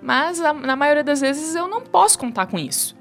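A woman's voice: high-pitched, normal speed, soft background music. A woman in her thirties with a Brazilian accent, a guest explaining communication on a talk show and acting out quoted lines. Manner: animated, acts out quoted speech. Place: studio talk show with three people.

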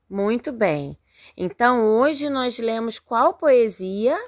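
Slow, patient Brazilian woman teacher. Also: medium pitch, dry recording, clean studio sound. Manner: patient, spells words out syllable by syllable, frequent praise. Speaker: primary school teacher. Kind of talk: recorded remote lesson for young children.

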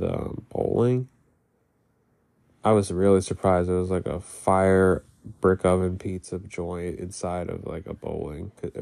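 A man with a gravelly, phlegmy voice, congested from being sick, talking casually about his life in a halting, rambling way. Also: low-pitched, warm tone. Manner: halting, rambling, heavy use of "like"; casual swearing. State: sick, congested with mucus in throat. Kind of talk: casual personal diary-style talk.

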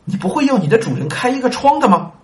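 A man voicing a blunt, stubborn male fool who bursts out with high-pitched indignation. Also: sing-song, quick pace, darkish tone. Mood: indignant.

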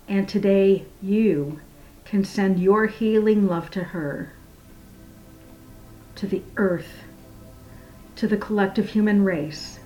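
A woman leads a guided meditation and prayer in a soft, hushed, soothing voice that trails into a near-whisper. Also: medium pitch, slow, long pauses, dull audio, soft background music.

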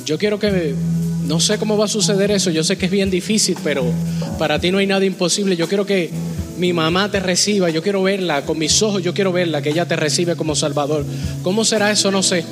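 A man's voice: sits high, fast talker. A man preaching a fervent sermon as pastor, urging his congregation. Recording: long hall reverb with music behind.

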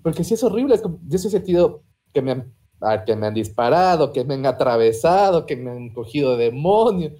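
A young man with a warm, mellow tone that sits a little high. He chats informally on a podcast and drops swear words freely. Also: very animated, a little fast. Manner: swears freely, recounts dreams. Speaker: podcast co-host. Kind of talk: casual chat.

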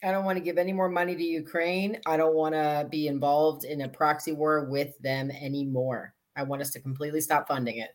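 A woman's voice: low voice, little pitch movement, brisk, hardly any pauses. A woman panelist giving blunt opinions in a political discussion.

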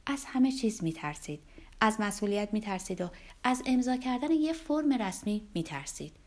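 A woman narrating a novel as an audiobook in an expressive voice that sometimes drops to a hush. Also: mid-range voice. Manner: expressive, at times hushed to a whisper.

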